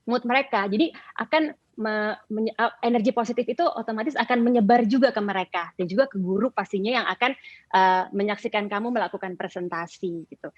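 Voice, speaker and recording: A woman's voice: medium pitch, no echo, lo-fi sound. Upbeat woman coaching public speaking. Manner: upbeat, explanatory, with frequent "eh" and "em" fillers. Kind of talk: instructional talk to teens.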